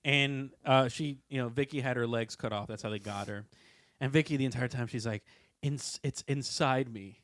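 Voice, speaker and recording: A man's voice: mid-range voice, fairly even intonation, fairly quick, fairly bright tone, no echo, studio quality. Crude, jokey man recapping a film. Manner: crude, jokey, recounts the plot. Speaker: podcast co-host. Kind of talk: casual film recap chat.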